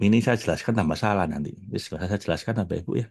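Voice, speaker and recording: A man with a deep, slightly mellow voice talks very fast, giving a casual spiritual talk as a religious teacher. He's chatty, speaks straight to his audience, and laughs often.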